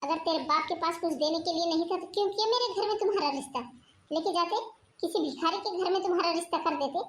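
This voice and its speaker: A woman voicing a harsh, greedy mother-in-law in a cartoon story, who scolds in quick, sharp bursts. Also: very high voice, echoey room, a little hiss or hum. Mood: scolding.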